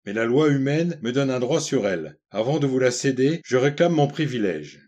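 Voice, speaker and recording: A man's voice: mid-range voice, lively intonation, normal speed, a little mellow, lo-fi sound, close to an everyday voice. A man voicing a fervent, defiant young male watchman who speaks with vehemence and sincerity.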